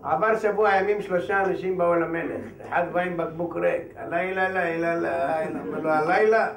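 A man with a notably high voice tells a long comic folk tale, jumping into the characters' lines in quick raised voices and laughing along with his own story. He sounds a little off the mic in a roomy space. A faint ambient murmur sits behind him. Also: steady tone, gravelly, recorded from a distance, slight background noise. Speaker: joke teller.

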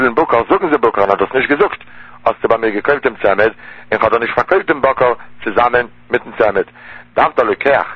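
A man, explaining a Talmud passage in a steady lecture style. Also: medium pitch, slightly rough, no room sound. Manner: steady explanatory delivery in Yiddish-inflected German. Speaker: Talmud teacher. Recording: dull lo-fi dry recording.

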